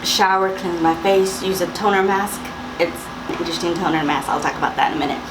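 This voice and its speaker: This makeup vlogger is a young woman whose raspy morning voice sits on the low side and moves fast. Chatty and instructive, she talks to camera at home during a tutorial, dropping fillers and asides over loud hiss and an air-conditioner hum.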